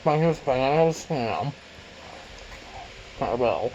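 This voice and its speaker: A man's voice: medium pitch, animated, unhurried, darkish tone, muffled recording. A man vlogging casually as he eats, rambling and repeating himself for emphasis. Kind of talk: casual mukbang chat while eating. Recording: noisy room, clattering cutlery and dishes.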